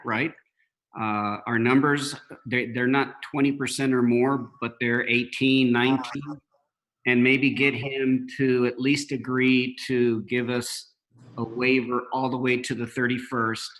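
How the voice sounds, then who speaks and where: A man addresses a school board as its superintendent, at an ordinary middle pitch. He speaks haltingly, full of fillers and restarts. He has the hiccups. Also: a bit bright, poor audio. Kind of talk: board meeting discussion.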